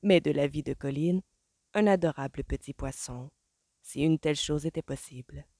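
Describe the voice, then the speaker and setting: A woman reading a novel aloud as an audiobook, with measured storytelling. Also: low-pitched, mellow, no room sound, studio quality. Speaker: audiobook reader. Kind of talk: novel narration.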